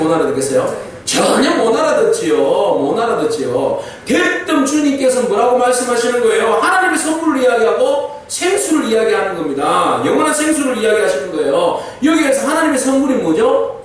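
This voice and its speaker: A man's voice: very high-pitched, very animated, brisk, few pauses, slight background noise. A male pastor preaching a sermon and asking the congregation rhetorical questions. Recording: very echoey church hall, distant mic.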